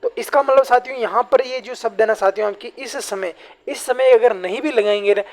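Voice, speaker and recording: A man teaching a Hindi grammar lesson for exam preparation, often calling his viewers companions, repeating key phrases and reading example sentences slowly. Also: very high-pitched. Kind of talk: online exam-prep lesson.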